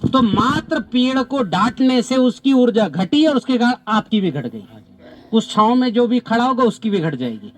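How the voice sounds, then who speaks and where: A man leading a natural farming training outdoors on farmland, animated and repeating short commands to participants. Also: extremely high pitch, moderate pace. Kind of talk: live outdoor demonstration with participants. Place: outdoors on farmland under trees.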